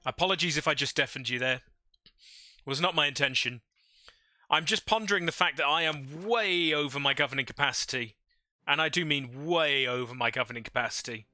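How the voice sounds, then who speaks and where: A man's voice: a little high, brisk, pushed and bright, dry recording, clean studio sound, soft background music. A man livestreaming a strategy game into a headset mic, thinking aloud and chatting with viewers. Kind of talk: casual live gameplay commentary.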